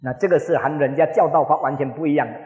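A man in his forties preaching a sermon, telling stories with lively acted-out quotes, recorded in an echoing hall. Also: a little high, fast, highs cut off. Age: 40s. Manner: animated storytelling, acts out quoted voices. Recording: echoey hall with long reverb.

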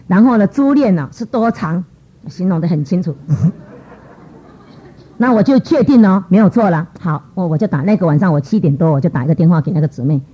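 A middle-aged woman telling a lively church testimony, acting out what people said in changing voices. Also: brisk, breathy edge. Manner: lively, acts out quoted voices with pitch jumps. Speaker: church speaker giving testimony. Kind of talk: storytelling testimony talk. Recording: dull lo-fi recording.

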